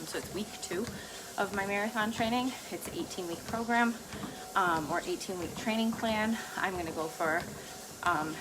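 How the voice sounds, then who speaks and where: Woman vlogging on a treadmill, lowish voice. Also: noisy background. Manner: talking while walking on a treadmill; laughs lightly between phrases. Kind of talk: casual rambling solo talk.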